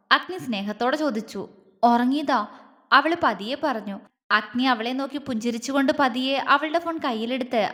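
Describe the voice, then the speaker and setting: A woman storyteller reading a romance story in a soft, steady way. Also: fairly high pitch, big-room sound. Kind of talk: scripted story narration.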